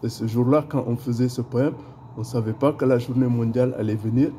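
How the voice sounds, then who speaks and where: A middle-aged man talking through a school play booklet, halting often with fillers and repeated words. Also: mid-range voice, fairly even intonation, dark tone, a little hiss or hum. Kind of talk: casual spoken presentation.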